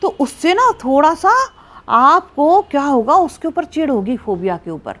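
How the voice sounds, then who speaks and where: A woman's voice: high voice, animated, measured pace, fairly bright tone. A middle-aged woman psychologist speaking directly to the listener, coaching them step by step through their fear. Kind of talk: advice talk to camera.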